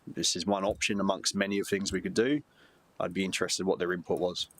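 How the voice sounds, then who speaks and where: An Australian man speaking as a councillor in a committee meeting, making measured points to the chair. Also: low voice, level tone, no echo.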